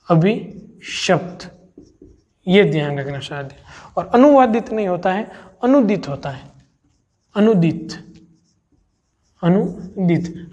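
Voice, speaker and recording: A male teacher giving an exam-prep grammar lesson, who repeats each word slowly and keeps addressing the class as friends. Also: high-pitched.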